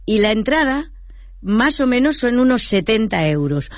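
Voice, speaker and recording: A woman's voice: fairly high pitch, big pitch swings, normal speed, no room sound. Radio co-host lady, dry close sound, chimes in with details. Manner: brief interjections, repeats details. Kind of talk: local radio chat.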